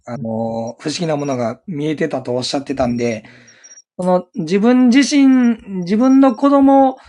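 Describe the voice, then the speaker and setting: A man with a fairly high voice joins a radio chat. He asks polite questions in a hesitant way, full of fillers. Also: a little slow, dark tone. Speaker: co-host.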